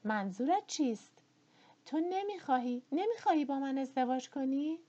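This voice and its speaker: A woman's voice: high voice, expressive, dark tone, dull audio, pitched above the performer's own voice. Woman voicing a pleading lovesick young belle. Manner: pleading, breathless questions.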